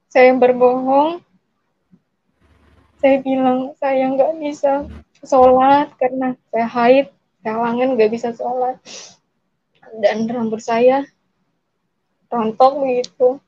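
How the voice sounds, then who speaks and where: A young woman telling her personal testimony in a hesitant, halting way, retelling conversations with her parents. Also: high voice, warm tone, dry recording. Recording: dull lo-fi recording.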